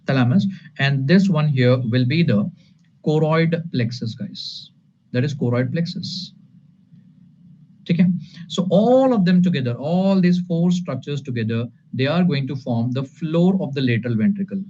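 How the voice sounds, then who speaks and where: A man's voice: mid-range voice, lively intonation, moderate pace, mellow. A man with an Indian accent lecturing to an online class, emphatic and repetitive, switching between English and Hindi. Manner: emphatic and repetitive, addressing students as sir and guys. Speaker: anatomy lecturer. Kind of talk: live online exam-prep lecture. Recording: dull lo-fi audio with light noise.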